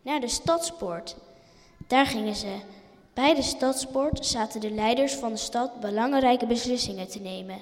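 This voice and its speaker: A woman reads a children's storybook aloud, gentle and steady. Her voice sits a little high. A long reverb trails behind her words. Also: normal speed. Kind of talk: reading a children's picture book aloud.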